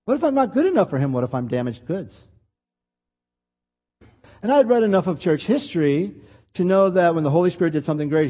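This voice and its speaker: High-voiced impassioned male preacher. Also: a little mellow. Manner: impassioned, confessional, repetitive rhythm. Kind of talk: sermon. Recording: long hall reverb.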